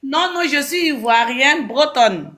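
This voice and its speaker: A woman's voice: high voice, lively intonation, slow, sharp tone. A woman from Ivory Coast giving a heated, insistent opinion on a talk show, repeating her phrases.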